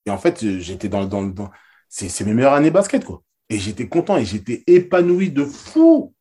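A former basketball player and interview guest, telling anecdotes in a loose, slangy, emphatic way with many repeated words. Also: male voice, medium pitch, wildly swooping pitch, normal speed, warm tone, slightly rough. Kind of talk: casual storytelling.

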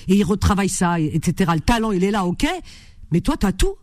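A woman's voice: mid-range voice, expressive, quick pace, darkish tone, dry recording, clean studio sound. Effusive woman hosting a radio call-in. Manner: effusive, laughing, talks over callers. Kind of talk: casual radio chat with callers.

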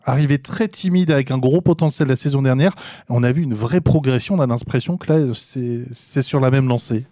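A man's voice: mid-range voice, fairly quick, warm tone, dry recording, clean studio sound. A man hosting a podcast, asking questions in a lighthearted way. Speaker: podcast host. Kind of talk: casual podcast interview.

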